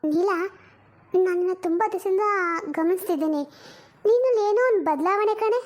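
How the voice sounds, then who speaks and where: A woman's voice: very high voice, normal speed, darkish tone. A woman doing a scolding elder sister. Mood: coaxing. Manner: lectures and scolds, uses proverbs. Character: worried elder sister, a poor housemaid.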